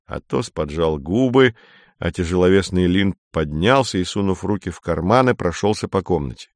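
A man reading a story aloud in a measured, expressive way, voicing every character. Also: low voice, no echo. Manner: measured, expressive, reads all roles. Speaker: narrator.

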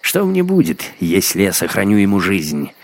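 A man voicing a brutal, gloating young male hunter who shouts and mocks in a storybook reading. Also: low-pitched, huge pitch swings, normal speed, full character voice. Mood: menacing. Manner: shouting, menacing, mocking. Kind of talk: audiobook character acting.

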